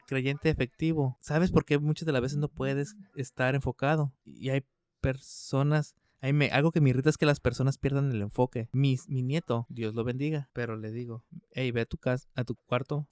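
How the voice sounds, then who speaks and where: A man's voice: medium pitch, smooth, no room sound, clean studio sound. An older man preaching a translated sermon in an emphatic way, with frequent restarts and fillers. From United States.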